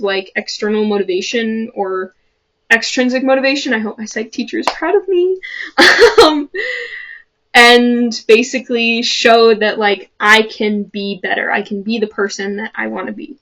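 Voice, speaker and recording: A woman's voice: on the high side, fairly bright tone, dull audio. Earnest young woman chatting to camera. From Chicago suburbs. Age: young adult. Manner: earnest, chatty, many fillers and restarts. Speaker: vlogger. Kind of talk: casual talk to camera.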